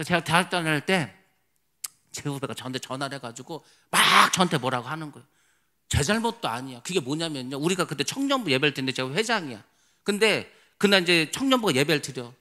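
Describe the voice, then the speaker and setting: A middle-aged man preaching a sermon as pastor, telling stories in an animated way and acting out quotes. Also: a little high. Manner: animated storytelling, acting out his own past prayers and quotes.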